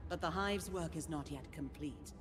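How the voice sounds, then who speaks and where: A woman's voice: low voice, normal speed, noisy background, natural voice. A woman voicing an imperious, menacing spider-like hive queen in a fantasy video game, regal and grandiose in her delivery. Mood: cold, regal, pleased.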